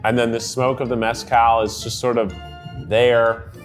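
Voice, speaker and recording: A man's voice: medium pitch, measured pace, faint music behind. A man hosting a casual tasting chat, joking and playing with words. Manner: animated, jokey, wordplay. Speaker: host.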